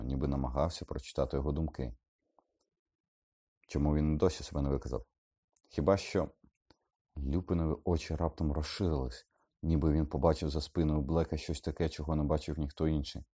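A man narrating an audiobook with steady, expressive storytelling. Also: rumbling low, a little fast, breathy edge.

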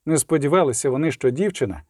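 A man narrating a story as an audiobook reader, in a steady, tense storytelling manner. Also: fairly high pitch, fast, dry recording, studio quality. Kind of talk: scripted narration.

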